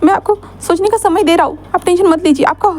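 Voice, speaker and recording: A woman voicing a gentle young man who speaks softly and reassuringly to someone he loves. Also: extremely high pitch, fast talker. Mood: persuasive. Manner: soft, calm, reassuring. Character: gentle young man, soothing and devoted suitor.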